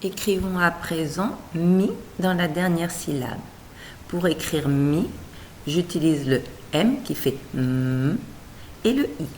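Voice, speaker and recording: A woman's voice: deep voice, slow, darkish tone, a little hiss or hum. A woman teacher reading out a scripted reading lesson for young children, splitting words into careful syllables and encouraging the child.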